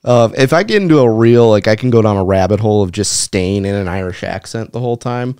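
A man co-hosting a podcast, dropping deadpan one-liners in casual banter. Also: lowish voice, fast talker, smooth, no room sound, studio quality. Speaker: podcast co-host.

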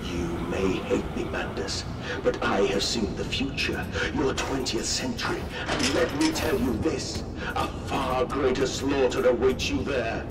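An actor playing a grandiose, menacing machine mind in a horror game, speaking in grave, theatrical proclamations. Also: male voice, medium pitch, measured pace, heavy background noise, natural voice. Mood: grandiose pleading. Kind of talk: dramatic horror game acting. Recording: echoing, distant, under loud game music.

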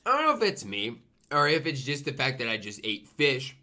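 A man's voice: medium pitch, very animated, brisk, pushed and bright. A young man giving a casual food review to camera, talking emphatically and repeating himself for effect. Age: young adult. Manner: talks while eating, murmuring appreciative mms. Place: small room at home, indoors.

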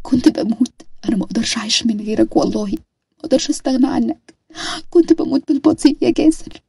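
Brief: narrator doing an anxious Egyptian young woman, high and tearful, husky tone. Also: fast talker, mellow, full character voice. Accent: Egyptian Arabic. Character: young woman, anxious and devoted to her fiancé.

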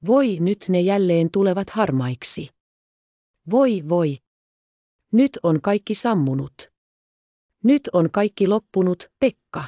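A woman voicing an excitable, tender-hearted little orphan girl in an audiobook, exclaiming and pleading. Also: fairly low pitch, pauses often, dry recording, muffled recording. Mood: awed excitement. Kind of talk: audiobook character reading.

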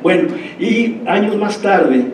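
A man's voice: sits high, lively intonation, slow pace, background noise. Mexican man lecturing in a roomy hall. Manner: digressive storyteller, checks in with listeners. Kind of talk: anecdotal lecture. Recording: roomy hall, mic far off.

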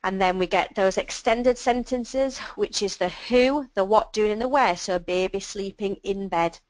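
A woman presenting a webinar on child speech and language, explaining patiently and clearly with simple examples. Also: mid-range voice, unhurried, darkish tone, dry recording, low-quality recording.

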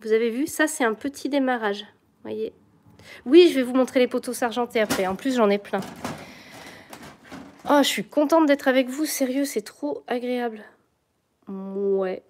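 A woman's voice: a little high, normal speed, long pauses, a little mellow, slight background noise. A middle-aged woman hosting a casual plant live stream, chatty and bubbly, laughing often and greeting viewers as she goes.

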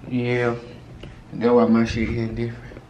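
A man's voice: mid-range voice, completely flat delivery, normal speed, mellow, roomy sound, muffled recording. A man in his twenties vlogging casually on a handheld camera, slangy and swearing, groaning with his mouth burning from spicy food. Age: 20s. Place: small hotel room and bathroom, indoors. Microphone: handheld camera at arm's length. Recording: noisy handheld camera in a room.

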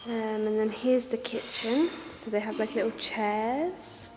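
A woman's voice: fairly high pitch, unhurried, long reverb tail, over music. A woman vlogging casually as she gives a house tour, chatty and gushing. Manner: chatty, gushing, says "so cool" often. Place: indoors at a house.

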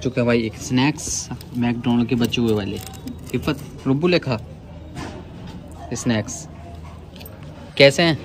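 एक युवक अपने रोज़ाना के व्लॉग में बात करता है। वह बातूनी है और दर्शकों को बार-बार भाई कहकर पुकारता है।. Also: male voice, medium pitch, unhurried, pauses often, soft background music. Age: young adult. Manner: chatty, keeps calling viewers brother. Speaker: vlogger. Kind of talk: casual daily vlog. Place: rooftop outdoors and small home room. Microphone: handheld phone camera at arm's length.

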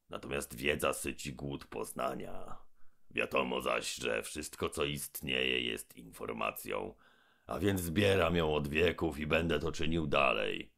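A man's voice: very deep voice, gravelly, a bit bright, heavily acted. Gębon, a man voicing a pompous robber giant. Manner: pompous, slow and menacing. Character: huge pompous robber monster with diploma, male. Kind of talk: audiobook character voice.

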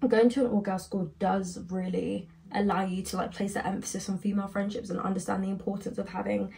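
Gravelly-voiced young woman vlogger. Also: medium pitch, level tone, a little fast, dark tone. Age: young adult. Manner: rambling, heavy use of "like". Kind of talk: casual storytime chat.

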